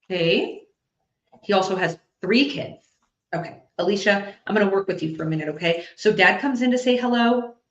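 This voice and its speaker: A woman working as a psychic medium, giving a live reading to an audience and thinking out loud as she passes on messages. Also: mid-range voice, normal speed. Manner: chatty, thinks out loud while relaying messages. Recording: echoey, slightly dull recording.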